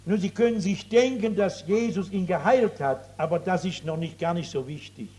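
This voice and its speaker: A man preaching an evangelistic sermon to a seated audience, moving from loud exclamations to hushed, drawn-out emphasis and asking his listeners rhetorical questions. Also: high voice.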